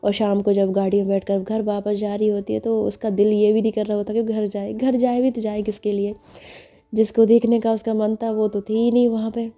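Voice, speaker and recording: A woman's voice: mid-range voice, flat delivery, a little fast, dark tone. A woman narrating a story in a chatty, conversational way, with casual asides.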